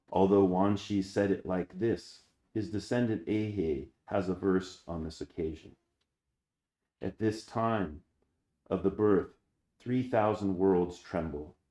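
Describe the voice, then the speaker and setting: Male abbot, Dharma talk. Low, dark voice, reads scripture slowly, then teaches with rhetorical questions. Echoey hall.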